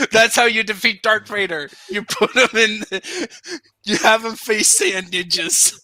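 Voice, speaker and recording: A man's voice: high-pitched, unhurried, pushed and bright, dry recording. A man co-hosting a podcast in casual chat, making wry quips. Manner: wry, quipping. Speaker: podcast co-host.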